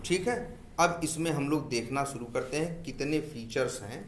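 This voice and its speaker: In an echoey room with a noisy background, a man of medium pitch delivers a software testing lecture at a moderate pace. He keeps quizzing his students, supplying the answers on his own and going over key terms again. Hindi is his base language, sprinkled with English technical words.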